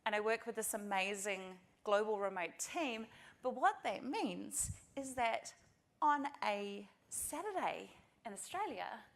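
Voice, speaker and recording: A middle-aged woman from New Zealand, accent and all, addresses a conference audience directly with a practical, earnest talk through a presentation mic. Her mid-range voice is gravelly and expressive, measured in pace.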